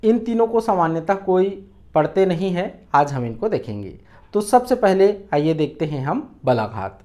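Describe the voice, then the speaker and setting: A man's voice: high voice, sing-song, normal speed, darkish tone. A male teacher delivers an exam-prep lecture. He walks through each point patiently. He poses rhetorical questions to the class and answers them himself.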